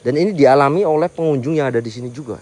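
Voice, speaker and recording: A man, live-streaming a night ghost hunt, who calls out loud prayers and challenges to spirits between hushed remarks. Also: medium pitch, racing. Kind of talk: live ghost-hunting commentary. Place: outdoors at night at an old resort.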